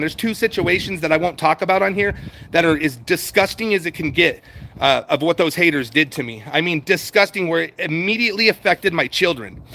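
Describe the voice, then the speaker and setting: A middle-aged American man hosts a livestream, talking off the cuff in a fairly high, bright and forceful voice, with slight background noise and rough recording quality. He rambles, repeats himself and circles back to his points, swearing casually while reading out and answering comments in unscripted chat.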